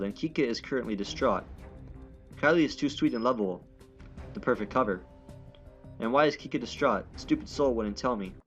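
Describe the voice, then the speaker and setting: A man with a medium-pitched, slightly bright voice reads a visual novel's dialogue and narration aloud as a let's player, stumbling over words and correcting himself. The audio is dull, with game music playing behind him.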